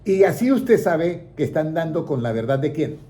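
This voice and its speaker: A man's voice: on the high side, very animated, normal speed, mellow, slight background noise. A man leading a Bible lesson for a small indoor group, asking questions and leaving his sentences open for listeners to complete. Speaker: Bible teacher.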